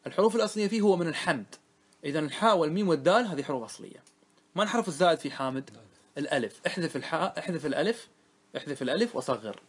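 A man with a slightly high-pitched voice teaches a grammar lesson. He recites lines of classical verse at a slow, measured pace, then explains them in plain speech. He keeps checking that his students follow with short questions. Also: expressive, slightly rough. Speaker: sheikh teaching Arabic grammar.

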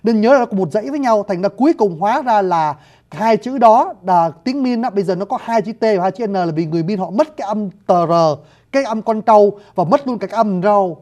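A language teacher presents a video lesson on writing systems and sounds, politely addressing his viewers and demonstrating pronunciations. His voice sits high, with lively intonation, a fairly quick pace, and a mellow quality. The audio sounds dull.

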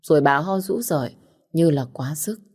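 A woman reads a novel aloud as an audiobook narrator. Her delivery is even and unhurried, and her voice sits low in pitch. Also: slightly rough.

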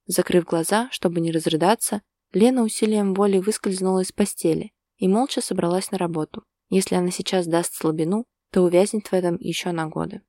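Low, mellow woman narrating a story. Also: fairly quick, hardly any pauses, no echo, clean studio sound.

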